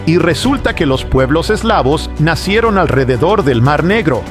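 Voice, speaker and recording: A man giving a sermon as a Bible teacher, explaining and reasoning step by step in a measured way. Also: on the high side, animated, music in the background.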